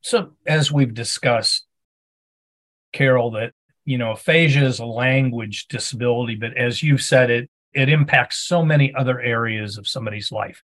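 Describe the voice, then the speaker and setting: A man's voice: mid-range voice, normal speed, fairly bright tone, low-quality recording. A man hosting a conversational interview, phrasing his questions tentatively and rewording as he goes. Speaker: podcast host, interviewer.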